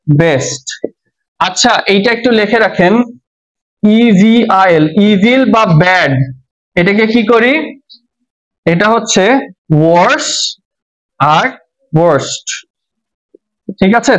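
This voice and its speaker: A man's voice: high-pitched, lively intonation, takes it slowly, pauses often, a bit bright. A man with a Bangladeshi Bengali accent giving a classroom English grammar lecture, spelling words out letter by letter and asking the class check questions. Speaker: English teacher. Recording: dull lo-fi audio.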